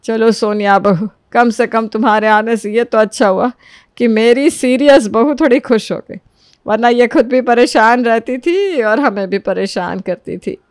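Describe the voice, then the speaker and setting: A kindly, worried mother-in-law in a cartoon story. She speaks gently, with a slightly high voice and a dry, close sound. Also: unhurried, dry recording. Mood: fond.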